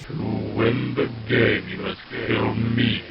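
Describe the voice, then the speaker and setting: Possessed demon game boss, super croaky n flat, menacing, muffled old game audio. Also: male voice, medium pitch, slight background noise. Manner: possessed, demonic, drawn-out delivery. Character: demonic voice of a game's final boss, slow, menacing. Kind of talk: video game villain line.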